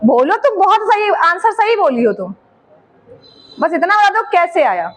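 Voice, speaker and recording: Very high-voiced woman teacher coaxing students. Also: sing-song, normal speed, fairly bright tone, rough recording. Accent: eastern Uttar Pradesh Hindi. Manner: coaxing, teasing questions to students. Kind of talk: classroom chemistry lesson. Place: classroom.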